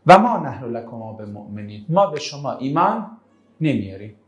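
A man's voice: mid-range voice, sing-song, dull audio. Man quizzing a class in a Quran lesson. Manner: quizzes students again and again, brushing off answers; recites Arabic verses slowly, then glosses them in colloquial speech. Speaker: religious teacher.

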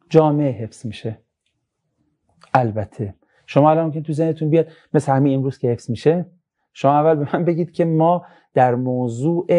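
A man giving a moral lecture to a young audience, telling stories with lively emphasis and quiet asides. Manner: animated storytelling, voice rising high for emphasis, drops low for asides.

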